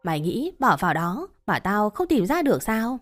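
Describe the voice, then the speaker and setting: Woman putting on a shrill scolding mother-in-law. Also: big pitch swings, moderate pace, faint music behind. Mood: shrill accusing. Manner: abusive, uses coarse address terms.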